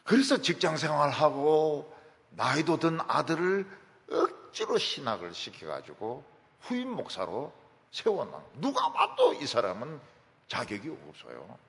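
A man's voice: a little high, huge pitch swings, a little slow, vocal fry, a bit bright, in a large hall. A middle-aged man preaching a sermon as a pastor, telling stories with emphatic delivery. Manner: emphatic storytelling.

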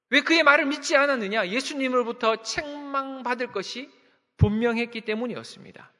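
A man's voice: very high-pitched, pushed and bright, big-room sound. A man preaching a sermon as a pastor, emphatic, with sudden drops in volume.

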